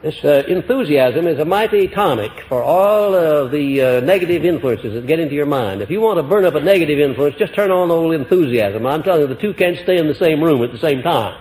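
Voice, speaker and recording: A man giving a motivational lecture to a live audience, folksy and emphatic, deliberately swinging his voice up and down. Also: fairly high pitch, a little mellow, in a large hall, low-quality recording. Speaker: motivational speaker.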